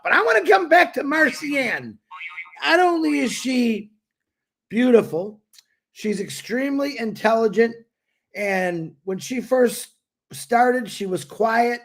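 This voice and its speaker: Gravelly, effusive man introducing a guest. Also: sits high. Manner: effusive, chuckles between phrases. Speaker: livestream co-host introducing guests. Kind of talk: casual chat and guest introduction.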